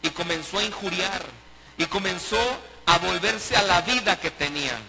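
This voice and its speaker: Over loud background music, a man preaches as a pastor in a high-pitched voice at a moderate pace, pressing his points with emphasis and many rhetorical questions. The recording sounds rough.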